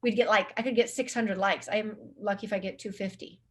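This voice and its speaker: A woman's voice: mid-range voice, fairly even intonation, a little fast, a bit bright. A woman speaking as a marketing guest in a casual interview. She rambles, restarts her sentences and uses lots of filler words. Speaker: guest social media marketing specialist.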